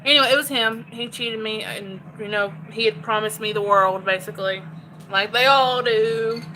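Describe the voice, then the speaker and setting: A woman's voice: on the high side, moderate pace, bright, forceful tone, slight background noise, poor audio. A woman chatting candidly to her phone while cooking in her home kitchen. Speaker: cooking vlogger. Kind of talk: casual chat while cooking.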